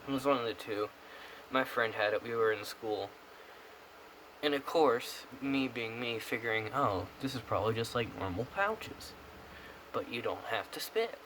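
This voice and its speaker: A man's voice: mid-range voice, expressive, normal speed, fairly bright tone, low-quality recording. A young American man rambling casually in a vlog review, talking with a pouch tucked in his upper lip. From United States. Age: young adult. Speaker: product reviewer. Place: small room indoors. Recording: clear background noise on camera mic.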